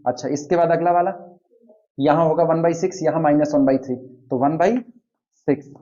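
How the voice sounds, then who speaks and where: A man teaching a math lecture at the board, quizzing his students and slowly counting through terms. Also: a little high, steady tone, warm tone, lo-fi sound.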